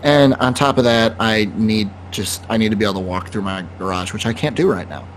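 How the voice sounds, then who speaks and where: Laid-back male co-host with a lowish voice who rambles through casual chat, faint noise behind. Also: brisk. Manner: rambling, relaxed, with restarts. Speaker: podcast co-host.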